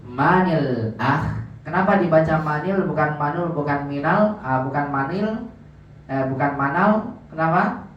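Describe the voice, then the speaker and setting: A man's voice: on the high side, moderate pace, a little hiss or hum. A man teaching Arabic grammar in class, who asks questions and answers them himself and drags out the example words. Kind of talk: classroom lesson. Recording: echoey, dull, from far off.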